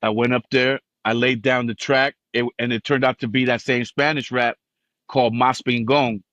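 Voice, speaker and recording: Lively storyteller, from Cuba, dry sound. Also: male voice, mid-range voice, moderate pace, no room sound, muffled recording. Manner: animated, acts out quoted people in raised voices. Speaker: podcast guest, rapper. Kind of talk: casual storytelling interview.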